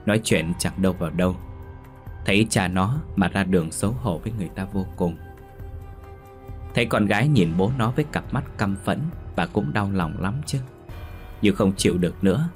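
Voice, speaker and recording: A man narrating a scripted story with a dramatic, expressive reading. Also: sits low. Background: faint music.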